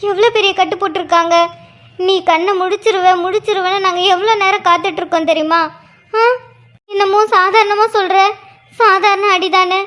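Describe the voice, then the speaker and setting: Give me a woman as a worried, scolding cartoon mother with a very high voice. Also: fairly even intonation, brisk, fairly bright tone. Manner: scolding, tearful. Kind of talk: cartoon voice acting.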